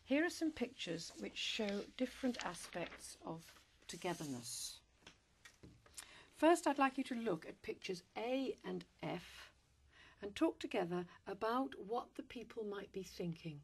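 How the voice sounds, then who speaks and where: A woman conducting a spoken language exam, reading out questions and instructions in a formal, measured tone. Her voice is gravelly with a husky edge. She stays polite and even throughout. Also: mid-range voice. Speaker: speaking test examiner.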